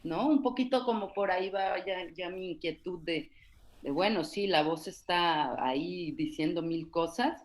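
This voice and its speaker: A woman's voice: fairly low pitch, measured pace. Reflective Mexican woman, searching words. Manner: thoughtful, searching, many fillers. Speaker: panel guest. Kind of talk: reflective casual talk.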